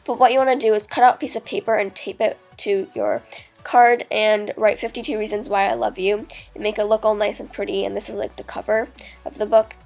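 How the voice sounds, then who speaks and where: A woman's voice: mid-range voice, steady tone, a little fast, gravelly, darkish tone, soft background music. Casting: teen girl vlogger, congested from a cold, chatty and rambling, lots of 'like' and 'um'. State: stuffy nose from a cold. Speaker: DIY vlogger. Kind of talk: casual tutorial talk.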